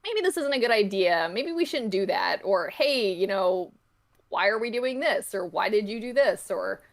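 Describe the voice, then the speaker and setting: In a relaxed podcast interview, a woman who makes comics talks at normal speed with an animated, mid-range voice. Her explanations wander, sounding thoughtful and unsure.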